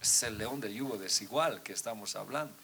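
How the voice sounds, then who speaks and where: A man preaching a sermon to his congregation, reading scripture aloud and asking rhetorical questions, swinging between loud emphatic peaks and quiet low drops. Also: gravelly, husky. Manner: addresses listeners as brothers, asks rhetorical questions; reads scripture aloud, often slowing down. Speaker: pastor.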